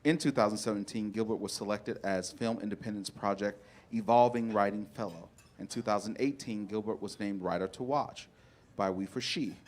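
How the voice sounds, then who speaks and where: A man's voice: fairly low pitch, moderate pace, darkish tone, slight background noise. A man hosting an event, reading out a scripted biographical introduction of a guest speaker.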